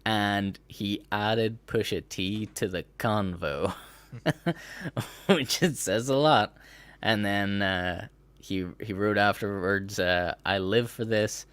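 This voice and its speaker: A man's voice: on the low side, takes it slowly, fairly bright tone, clean tone, no echo. A man hosting a podcast in casual chat, rambling and laughing as he breaks into mocking impressions. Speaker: podcast host.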